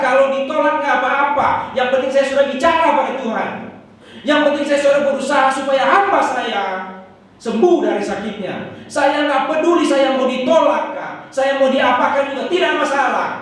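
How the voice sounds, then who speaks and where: A man preaching a Sunday sermon as pastor, acting out quoted prayers with lively emphasis. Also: very high voice, normal speed. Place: church hall. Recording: echoey church hall from far off.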